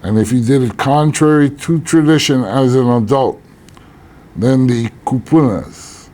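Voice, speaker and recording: An older man from Hawaii, an elder teaching about tradition in a slow, measured way with deliberate pauses. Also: medium pitch, mellow.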